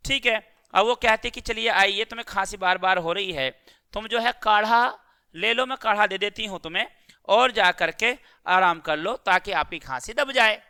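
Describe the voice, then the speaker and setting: A man with a high, very bright voice teaches a class lesson, reading out a short play line by line. He names each speaker first and then retells what was said in simpler words. His tone stays clear and smooth throughout. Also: moderate pace. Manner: reads each character's name before their line, then restates it in plain words. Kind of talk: reading a school play aloud and explaining it.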